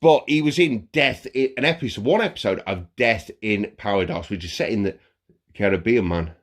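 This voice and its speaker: A man's voice: mid-range voice, a little fast. A man co-hosting a podcast in casual chat, joking and teasing as he talks. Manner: jokey, teasing, laughs often. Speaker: podcast co-host.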